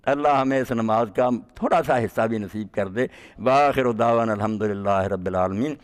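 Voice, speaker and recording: A male preacher giving a fervent sermon, rising to loud exhortation and dropping to hushed recitation. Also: medium pitch, smooth.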